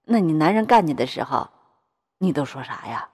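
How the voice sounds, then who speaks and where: A woman's voice: low-pitched, lively intonation, moderate pace, darkish tone, slightly rough, long reverb tail. A woman voicing a coarse, swaggering middle-aged male bank official in an adult audio story. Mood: mocking. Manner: vulgar, bossy, swaggering.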